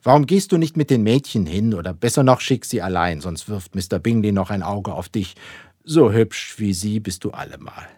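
Guy doing a dry sarcastic old husband, husky, flat delivery, dry sound. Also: lowish voice, moderate pace, no echo. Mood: teasing. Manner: dry, deadpan, mocking. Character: dry, teasing older husband, unmoved and sarcastic.

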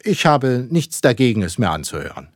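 A man voicing an older husband who answers his wife in a dry, deadpan and mocking way. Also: medium pitch, brisk, no room sound. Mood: teasing. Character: dry, teasing older husband, unmoved and sarcastic.

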